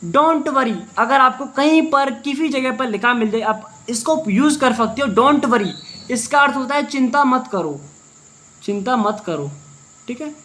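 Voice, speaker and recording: A man teaching as a teacher, translating a story word by word, talking fast and answering his own questions. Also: very high-pitched, expressive, fairly bright tone. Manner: fast-talking, brisk and drilling.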